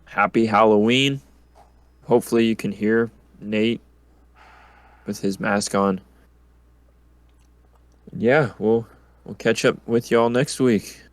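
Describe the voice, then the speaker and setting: Slow, easygoing man hosting sports talk. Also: lowish voice, fairly even intonation, no echo. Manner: easygoing, laid-back banter. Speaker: podcast host. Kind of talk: casual sports predictions chat.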